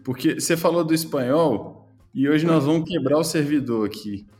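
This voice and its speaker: A man's voice: a little high, moderate pace, darkish tone, faint music behind. A man with a Brazilian accent hosting a podcast in a casual, chatty style. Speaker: podcast host.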